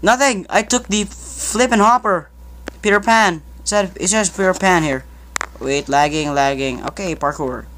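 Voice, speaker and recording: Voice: medium pitch, moderate pace, fairly bright tone. A young adult gamer giving casual, bantering, self-mocking commentary over gameplay in an amateur recording. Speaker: gaming video maker. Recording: noisy amateur game recording.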